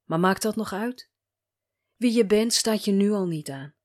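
A woman reads a scripted first-person story in a calm, gentle voice at a mid pitch. She speaks as a coach, often turning to her listener with soft, probing questions. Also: a little slow. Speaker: narrator and coach.

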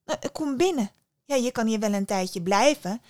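Gentle magical hostess of a fairy tale , played by a woman; soft, soothing, dry close sound. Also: a little high, animated, normal speed, dry recording, lightly acted. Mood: kind. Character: kindly old magical woman of the little house.

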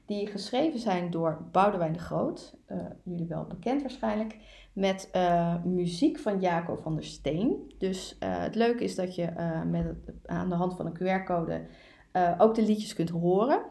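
A woman's voice: fairly low pitch, measured pace, gravelly, dark tone. A woman in her thirties, a library media coach, recommending a favourite picture book with frequent hesitant fillers. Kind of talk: casual spoken recommendation. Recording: echoey room.

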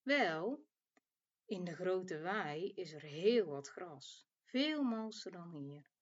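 A woman voicing a patient, caring mother sheep in a storybook tale, speaking calmly and reassuringly. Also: on the low side, slow pace, dull audio. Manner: calm and reassuring.

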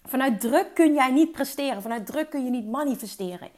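A woman talking as an online business coach in an energetic motivational monologue, mixing English words into her speech. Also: high-pitched, fairly quick.

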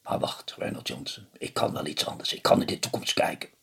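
A man voicing an old little male ceremony master who tells fortunes, in a low hushed whispery voice. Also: fairly quick, breathy edge, exaggerated voice.

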